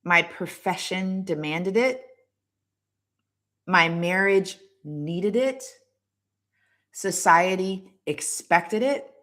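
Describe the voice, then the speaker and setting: A woman's voice: on the low side, drawn-out words, pauses often, fairly bright tone. A woman hosting a motivational talk, speaking emphatically to her listeners, repeating words and tagging lines with "right?". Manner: preachy, direct address to the audience. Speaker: host.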